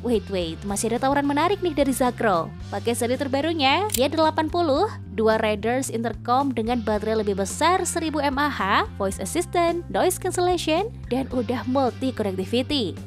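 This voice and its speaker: Over a music bed, this studio voice-over has a woman reading a scripted product review meant to promote, in a persuasive, conversational style. She sits high in pitch and speaks expressively at a normal speed.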